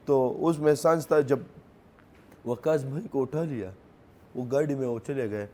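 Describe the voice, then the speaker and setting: A grieving young man from Khyber Pakhtunkhwa, Pakistan, speaks English with the accent of his native Pashto. In an interview he recounts what happened in halting, broken phrases that keep repeating. His mid-range voice has a dark tone, with slight background noise in the recording.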